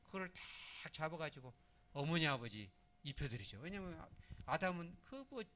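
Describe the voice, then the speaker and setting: Lively Korean pastor preaching conversationally. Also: male voice, fairly high pitch, moderate pace. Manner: conversational preaching, asks the congregation questions and answers himself; acts out little scenes in other voices. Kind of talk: sermon.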